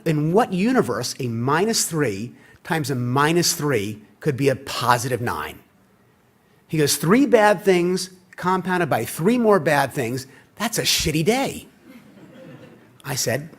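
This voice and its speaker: A middle-aged man giving a conference keynote, telling stories and acting out quoted dialogue in an animated way. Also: fairly high pitch, slightly rough. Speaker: keynote speaker. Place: conference hall.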